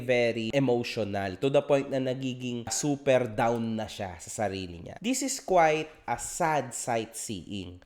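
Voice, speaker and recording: A man hosting a reaction video, talking in a brash, crude and mocking way straight to his viewers and mixing in English phrases. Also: mid-range voice. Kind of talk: casual reaction commentary.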